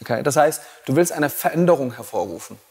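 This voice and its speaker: A man's voice: medium pitch, lively intonation, fast, gravelly, a little mellow. A man teaching yoga teacher trainees in a blunt, provocative way and laughing at his own jokes. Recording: long hall reverb.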